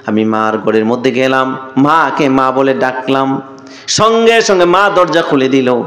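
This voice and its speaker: A man voicing a grief-stricken grown son who tearfully confesses a terrible wrong, his voice pitched high as he pleads. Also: measured pace, a bit bright, lightly acted. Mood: pleading. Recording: echoey sermon sound.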